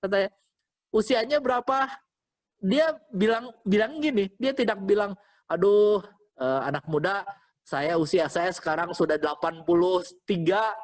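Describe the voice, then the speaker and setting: Speaking at a moderate pace in a high-sitting voice, an animated male pastor preaches conversationally to an online congregation. He exhorts, repeats phrases, and regularly checks in with listeners using short questions.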